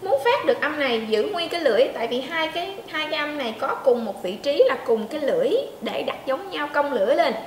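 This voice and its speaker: A woman teaches pronunciation, breaking sounds down slowly and asking her learners if they follow. Her voice rings in an echoey room with a faint hum behind it. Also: high-pitched, animated. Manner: demonstrates sounds slowly, asks learners to check in. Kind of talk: pronunciation lesson.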